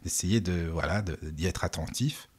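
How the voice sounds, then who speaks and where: A man's voice: low voice, normal speed, a little mellow, breathy edge. A man hosting a casual conversational interview, agreeable and often affirming what he is told. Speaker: interviewer, radio host.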